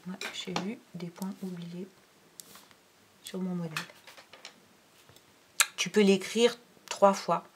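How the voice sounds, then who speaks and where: Woman teacher, middle-aged, unhurried step-by-step handwriting instruction, occasional near-whispered asides. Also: lowish voice, fairly even intonation, noisy background. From France. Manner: slow, counting aloud while writing, drops to near-whisper. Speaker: primary school teacher.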